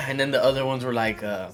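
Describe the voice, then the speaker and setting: Rambling, cursing podcast host. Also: male voice, medium pitch, steady tone, brisk. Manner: rambling, profane, many fillers and restarts. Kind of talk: casual chat over wings. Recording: faint music behind. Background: faint music.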